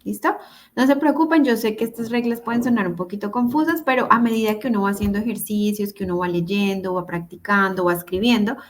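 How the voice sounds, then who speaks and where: A woman's voice: mid-range voice, a little fast, slight background noise. Patient woman teaching online. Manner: patient, repeats examples, checks in with "¿listo?". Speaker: English teacher. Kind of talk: online class explanation. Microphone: computer mic on a video call.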